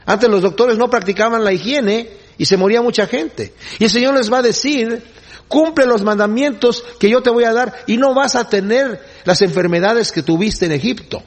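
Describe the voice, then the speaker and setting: Husky high-voiced male preacher. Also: normal speed. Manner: explanatory Bible teaching, varied pacing. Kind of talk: sermon.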